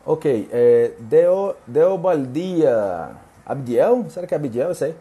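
A man's voice: a little high, very animated, slow pace, warm tone. A young Brazilian man with a Brazilian Portuguese accent, a Portuguese teacher chatting casually as he reads out viewer questions and answers them. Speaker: Portuguese teacher and online host. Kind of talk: casual live Q&A.

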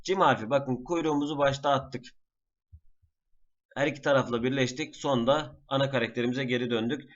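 Man teaching slowly, slightly muffled. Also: mid-range voice. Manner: patient, repeats letter names slowly. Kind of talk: screen-recorded lesson. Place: at a computer.

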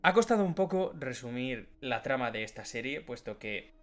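A man's voice: medium pitch, animated, normal speed, fairly bright tone. A man from co-hosting a podcast, chatting casually and explaining things at length. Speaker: podcast co-host. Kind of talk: casual chat.

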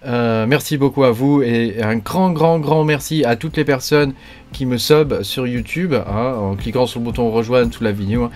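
A man's voice: mid-range voice, normal speed, darkish tone. A man hosting a joking video about crypto mining, talking loosely with constant fillers and small restarts. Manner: rambling, heavy fillers and verbal tics. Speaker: crypto YouTuber. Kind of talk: joking casual video talk.

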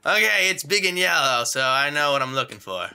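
Jumpy gravelly man, screaming at scares. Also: on the high side, big pitch swings, brisk, sharp tone, slight background noise. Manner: mutters to himself between scares. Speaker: gamer playing a horror game. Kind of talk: let's play commentary.

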